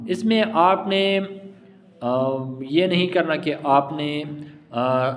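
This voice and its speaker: A man teaching tajweed pronunciation in a patient, encouraging lesson, repeating letters slowly and drawn out. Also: fairly high pitch, in a large hall. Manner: affectionate, encouraging. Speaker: Quran recitation teacher.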